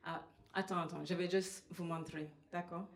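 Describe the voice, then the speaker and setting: A woman from Trinidad and Tobago with a Trinidadian accent, performing stand-up comedy in a halting way with many fillers. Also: on the low side, fairly even intonation. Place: comedy venue. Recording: roomy live venue sound.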